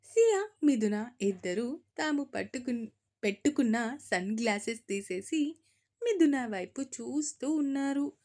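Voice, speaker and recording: A woman narrating a romance story in a steady, expressive reading voice. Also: fairly high pitch, measured pace.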